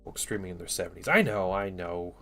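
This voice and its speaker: A man's voice: low-pitched, animated, a little fast, sharp tone, faint music behind. A man in his thirties chatting casually on a live stream, rambling a little as he reads viewer comments aloud and works on his models. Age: 30s. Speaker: live-streaming miniature painter.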